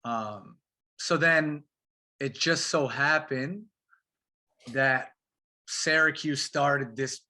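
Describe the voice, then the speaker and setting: A man, a professional soccer player, talking as a guest in a casual interview, animated and slangy, calling his host bro and man. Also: mid-range voice, extremely slow, pauses often.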